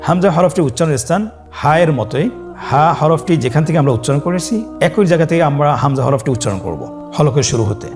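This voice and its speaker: A man with a fairly high, expressive voice speaks over music, teaching Quran reading step by step. The lesson on Arabic letters is scripted, and he sings each letter name in a drawn-out way so listeners can repeat after him.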